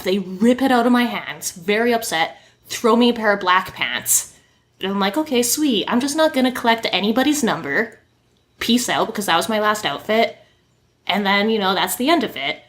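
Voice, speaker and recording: A woman hosting a podcast and telling stories in casual chat, animated and quick to laugh. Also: fairly high pitch. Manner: animated storyteller, laughs often. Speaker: podcast host and model.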